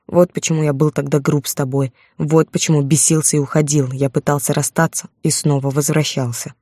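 A woman reading the lines of a remorseful adult man, a quiet and blunt lover, in a curt, low voice. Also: level tone, fairly quick, no echo, clean studio sound.

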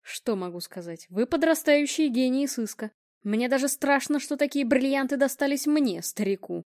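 A woman's voice: high-pitched, animated, moderate pace, a little mellow, dry recording, clean studio sound. A woman doing a wry old investigator. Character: old male retired investigator, wry and kind.

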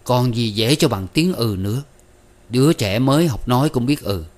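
A man's voice: medium pitch, expressive, moderate pace, natural voice. A man voicing a fawning, chatty middle-aged woman matchmaker who coaxes and wheedles in an audiobook reading. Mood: pushy. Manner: wheedling, coaxing, persuasive.

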